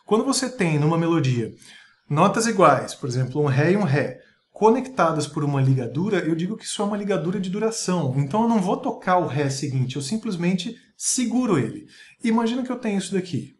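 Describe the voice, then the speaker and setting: A man's voice: high-pitched, big pitch swings, brisk. Man counting rhythms aloud. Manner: explains step by step, counting aloud and chanting rhythms. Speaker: music teacher. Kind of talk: online music lesson.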